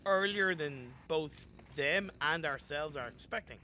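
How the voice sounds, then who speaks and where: Bright-voiced male esports caster. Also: a little high, a little hiss or hum. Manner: energetic, quick play-calling. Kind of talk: play-by-play esports commentary.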